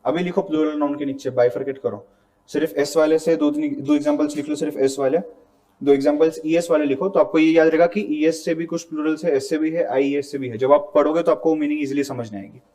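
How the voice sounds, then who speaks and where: This male teacher speaks fast and steadily, his voice on the high side with a dark tone. Lecturing on grammar in a classroom, he talks casually in Hindi sprinkled with English terms and regularly asks students to confirm they're with him.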